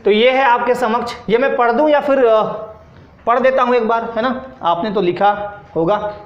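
Guy teacher with a high voice dictating words to an online class, keeps saying "right?", echoey room. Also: moderate pace, lo-fi sound. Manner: dictates word pairs, repeats with tags like "है ना". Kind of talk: exam-prep Hindi grammar lesson.

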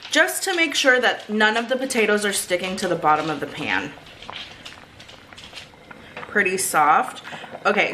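A woman's voice: medium pitch, bright, forceful tone. Woman cooking casually over kitchen sizzle. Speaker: home cook and vlogger. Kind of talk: casual cooking instruction to viewers. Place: home kitchen. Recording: clear frying and kitchen noise. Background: sizzling food, stirring.

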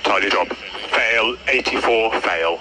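Race engineer, male, lowish voice: terse pit radio call, short brisk orders, heavy static behind. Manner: clipped, brisk instructions. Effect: terse pit radio call over a team radio link. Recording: noisy, distant team radio feed.

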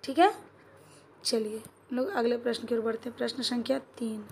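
A woman teacher with a Bihari Hindi accent goes through exam questions, asks her class questions and answers them herself, and keeps checking whether it is clear. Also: on the high side, moderate pace, slight background noise.

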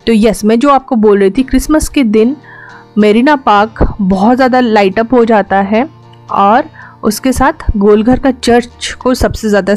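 A woman's voice: mid-range voice, a little mellow. A young woman from the Andaman Islands, a travel vlogger giving a chatty, explanatory voice-over for a road trip and mixing English words into her speech.

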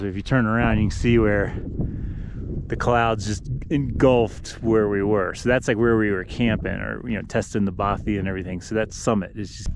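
Holding an action camera at arm's length, a vlogger in his forties who races on an adventure team chats casually about his hike along a windy mountain trail, at times ducking into a small shelter. His voice is on the low side and a little mellow, with slight background noise.

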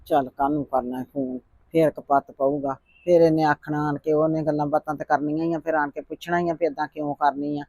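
A man playing a gentle, meek elderly grandmother who talks softly and resignedly, fearing any quarrel. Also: on the high side, level tone, fairly quick, vocal fry, dry recording. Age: older. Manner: soft-spoken, resigned complaining. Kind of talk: family drama vlog acting.

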